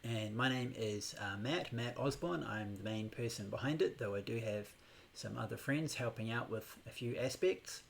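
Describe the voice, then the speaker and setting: Gravelly-voiced New meditation teacher. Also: male voice, medium pitch, a little hiss or hum. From New Zealand. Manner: unhurried, with frequent hesitations. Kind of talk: live-streamed class introduction. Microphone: new microphone on a laptop setup.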